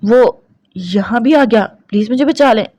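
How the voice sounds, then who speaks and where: A frightened young bride who stumbles over her words and begs to be left alone, as a woman narrator puts her on. Her voice rises high and shakes whenever she speaks. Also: a little slow, mellow, no echo. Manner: stammering, pleading.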